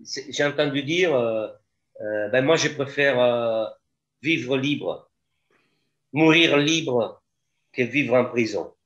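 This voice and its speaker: A man with a mid-range voice chats as a guest over a video call. He speaks haltingly and often restarts his phrases. His audio comes through slightly muffled. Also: medium pitch, a bit bright. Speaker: guest, sound engineer.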